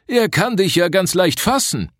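A man's voice: medium pitch, wildly swooping pitch, a little slow, no room sound, studio quality, pitched above the performer's own voice. Man doing a fretful kindly old man. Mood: worried. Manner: pleading, fretful.

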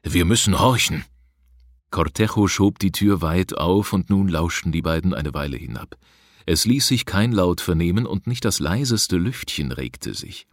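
Deep-voiced male audiobook narrator. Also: lively intonation, normal speed, no echo, clean studio sound. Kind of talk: scripted narration.

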